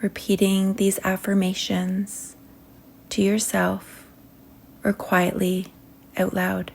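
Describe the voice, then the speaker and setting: Speaking in brief phrases with long pauses, this woman leads a calming guided meditation, her words trailing gently into a near-whisper. Her pitch sits in the middle range, her delivery is completely flat, and vocal fry runs through her voice.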